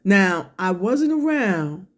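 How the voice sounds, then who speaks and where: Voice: mid-range voice, big pitch swings, slow pace. A person delivering a confrontational, profane online rant, drawing words out emphatically one at a time. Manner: sipping a drink between phrases, coughing and clearing throat.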